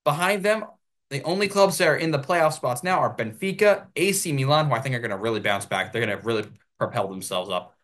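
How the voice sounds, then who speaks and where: An American man hosting his own sports show, giving solo commentary and ranting in an animated way. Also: mid-range voice, a little fast.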